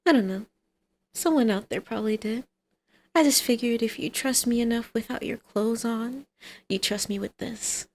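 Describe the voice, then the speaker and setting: Teasing, coaxing and sardonic, a woman with a slightly high voice voices a flirty villain who's also a doting mother in an ASMR roleplay, talking at normal speed.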